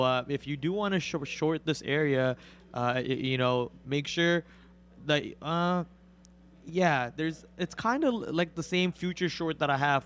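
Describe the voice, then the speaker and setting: This is live trading commentary from a young man who day-trades and co-hosts the stream. His cold makes him sound raspy as he rattles off quick, eager play-by-play of his trades and the moving prices, getting loud and shrill when a stock moves.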